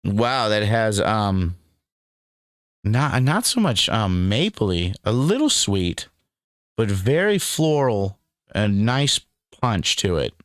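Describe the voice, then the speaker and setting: A man's voice: fairly low pitch, big pitch swings, slow pace, no room sound, clean studio sound. Laid-back young man reviewing on camera. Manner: laid-back and rambling, calls the viewer dude and man. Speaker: cannabis strain reviewer. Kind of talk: casual review vlog.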